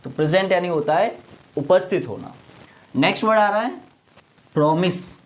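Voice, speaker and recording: A young man with an Indian accent teaches English words in a Hindi lesson, with a voice pitched a little high. He explains each word patiently, gives example sentences and checks with a frequent "right?". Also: lively intonation, normal speed.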